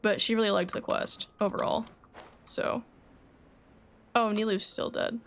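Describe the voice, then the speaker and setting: A woman livestreams her gameplay, making casual conversation with viewers and reading the game's lines out loud. Her voice sits at a medium pitch, gravelly yet a bit bright, with fairly even intonation and a measured pace, against faint background noise.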